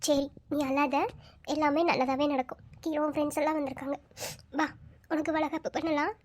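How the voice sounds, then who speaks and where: A woman's voice: high voice, flat delivery, fairly quick, slight background noise. A woman voicing characters in a cartoon story, speaking in a soothing, coaxing way. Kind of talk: cartoon voice acting.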